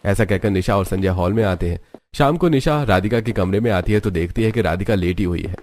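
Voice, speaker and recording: Low-voiced man narrating a story. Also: a little fast. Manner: steady storytelling.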